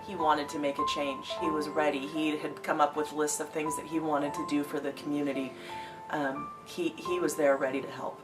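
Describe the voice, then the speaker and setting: Low-voiced woman, flat and quiet. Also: normal speed, poor audio. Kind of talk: documentary interview. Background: music.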